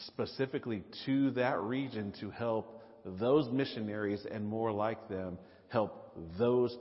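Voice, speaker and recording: Earnest male pastor in a reverberant church. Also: fairly low pitch. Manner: earnest, halting with fillers. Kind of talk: sermon. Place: church sanctuary. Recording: reverberant hall, slightly dull sound.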